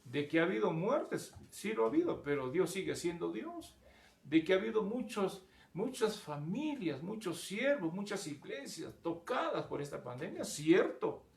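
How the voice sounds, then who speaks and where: A man's voice: high-pitched, big pitch swings, normal speed, vocal fry, echoey room. A male pastor preaching a sermon, often repeating words and calling his listeners brothers. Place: church.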